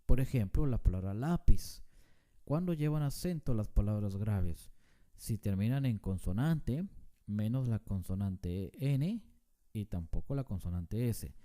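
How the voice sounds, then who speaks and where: A man explains a grammar lesson in a slow, deliberate way, leaning hard on syllables to show where the stress falls. His voice is very dark and mellow, and his pitch rises and falls in a lively, animated way. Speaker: teacher.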